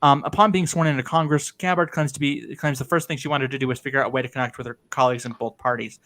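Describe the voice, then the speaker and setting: A man's voice: medium pitch, fairly even intonation, quick pace, a bit bright. A young man co-hosting a casual political stream, reading notes aloud with crude asides and frequent restarts. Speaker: stream co-host.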